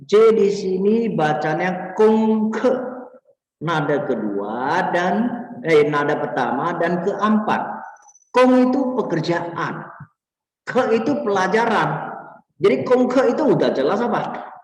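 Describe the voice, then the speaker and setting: A man teaching a vocabulary lesson in a patient, step-by-step way, his pitch rising and falling a lot. He speaks slowly and is a little distant from the mic. The room adds a long, hollow reverb. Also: very animated. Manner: slow, explanatory, frequent "ya" tags. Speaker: Mandarin teacher. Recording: echoey room, voice a bit distant.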